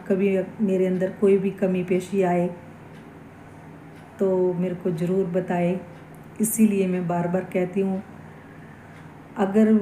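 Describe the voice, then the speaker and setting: A woman giving a slow, earnest devotional talk as a vlogger, reflecting aloud on forgiveness and faith. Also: fairly low pitch, dark tone, echoey room, slight background noise, low-quality recording. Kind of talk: casual spiritual talk.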